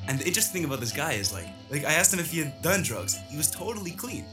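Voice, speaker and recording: A man's voice: fairly high pitch, big pitch swings, racing. A man telling a personal story in a loose, rambling way, full of filler words, with guitar music under his voice. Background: plucked guitar music.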